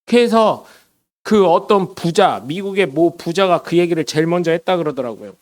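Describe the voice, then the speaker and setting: In a church sanctuary, a middle-aged pastor gives a casual, conversational sermon, often asking the congregation questions and acting out voices in quotes. His voice is fairly high pitched and expressive, at a normal speed.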